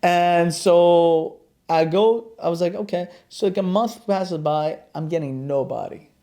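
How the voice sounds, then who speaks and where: A man's voice: high voice, a little slow. A man who works as a chiropractor, hosting a podcast and telling a casual story about his own experience, acting out the dialogue with animation. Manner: animated, acts out quoted dialogue.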